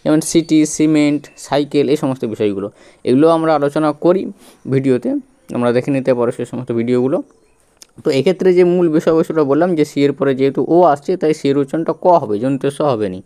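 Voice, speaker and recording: A patient male teacher walks through English spelling letter by letter and keeps checking that his students follow. His voice is smooth and mellow, sitting a little high for a man. He repeats each sound slowly before he moves on. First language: Bengali. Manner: patient, repetitive, spells out letters and quizzes the viewer. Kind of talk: step-by-step spelling lesson.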